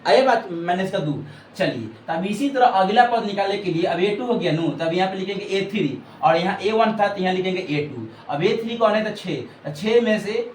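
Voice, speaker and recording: High-voiced Bihari Hindi maths teacher. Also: male voice, normal speed, far from the mic. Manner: keeps checking in with "ठीक है ना" and "कोई doubt"; calls students "Babu" affectionately. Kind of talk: board exam maths lesson. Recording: roomy echo, voice from off-mic, faint background noise.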